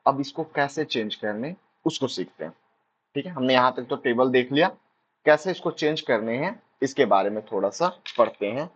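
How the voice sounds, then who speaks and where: A man's voice: mid-range voice, lively intonation, moderate pace, breathy edge, highs cut off. A male teacher giving an exam-prep grammar lesson, drilling points playfully with jokey asides.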